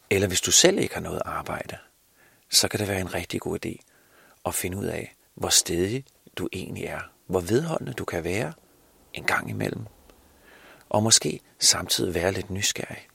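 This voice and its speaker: A man's voice: deep voice, vocal fry, a bit bright, slightly rough, no echo. A man telling a Christmas story aloud, hesitant, restarting often and sometimes dropping to a whisper. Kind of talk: improvised Christmas story narration.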